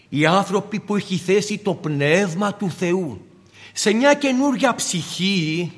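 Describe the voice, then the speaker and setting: A man with a high voice preaches a fervent sermon. He acts out the scripture dialogue with swings in loudness. His voice rings with long reverb as in a large hall.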